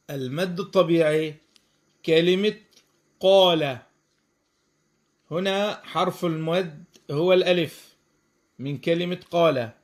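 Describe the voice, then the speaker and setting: A man teaching Quran recitation rules in a slow, patient lesson, repeating letters and stretching out example syllables. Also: on the high side. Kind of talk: spoken tajweed lesson.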